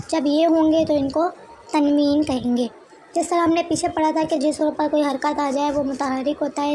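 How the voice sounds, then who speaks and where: A woman's voice: high voice, a little mellow, slight background noise, rough recording. A woman teaching a Quran reading lesson, patiently spelling out each letter sound syllable by syllable. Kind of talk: tutorial lesson.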